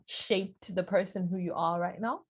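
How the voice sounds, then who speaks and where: A woman's voice: lowish voice, fairly even intonation, moderate pace, slightly rough. A woman hosting a podcast, introducing and chatting with her guest in an enthusiastic, filler-heavy way. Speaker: podcast host. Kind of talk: casual interview chat.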